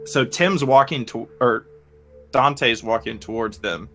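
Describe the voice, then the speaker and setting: A man's voice: medium pitch, measured pace, over music. A young man playing a tabletop game, speaking hesitantly and apologizing often. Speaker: player. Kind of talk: casual tabletop play.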